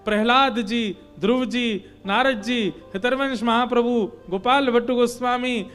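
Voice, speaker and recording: A man's voice: extremely high pitch, a bit bright. A man giving a devotional sermon as a preacher, emphatic and rising into fervent appeals. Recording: faint instrumental music behind.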